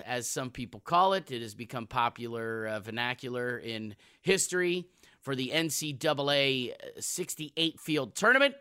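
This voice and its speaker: A man's voice: mid-range voice, sharp tone, clear, resonant tone, no room sound, studio quality. A man hosting a sports podcast in a casual, emphatic and jokey conversational way.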